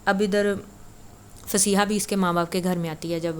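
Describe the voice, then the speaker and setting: A woman's voice: medium pitch, steady tone, slight background noise. A woman casually retelling a story in a chatty, conversational way. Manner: chatty, conversational, frequent filler "na".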